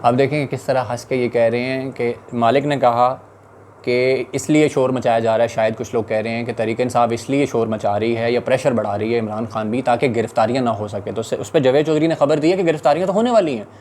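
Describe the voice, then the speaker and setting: A man's voice: medium pitch, fast, a little mellow, a little hiss or hum. A man with a Pakistani Urdu accent giving urgent, indignant political commentary.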